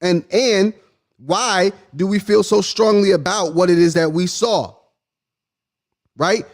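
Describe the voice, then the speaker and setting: A man's voice: sits high, slow pace. A man hosting a casual live stream, playfully quizzing his viewers and laughing often as he talks. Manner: playful, teasing, questioning the audience; laughs often, swings from loud to hushed.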